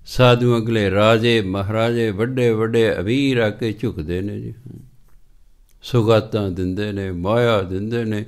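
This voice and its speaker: A man with a Punjabi accent preaching a Sikh scripture sermon, chanting verses slowly and breaking into lively rhetorical questions and acted-out everyday dialogue. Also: on the low side.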